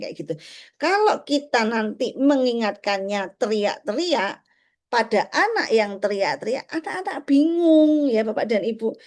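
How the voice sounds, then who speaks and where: A middle-aged woman giving a parenting talk to parents, explaining gently and acting out short exchanges between parent and child. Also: on the high side. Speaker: parenting speaker.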